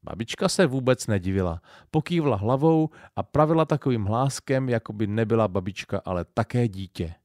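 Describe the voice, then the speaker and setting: A man with a Silesian accent reading an audiobook in an expressive storytelling style. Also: mid-range voice, few pauses, dry recording, clean studio sound. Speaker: audiobook narrator. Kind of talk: scripted narration.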